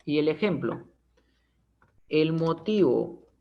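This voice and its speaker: Gravelly man teaching a class. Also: a little high, lively intonation, takes it slowly. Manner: explains with frequent checking tags like ¿no? and ¿ya?; playful everyday examples. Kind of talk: online class lecture. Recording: dull lo-fi online class audio.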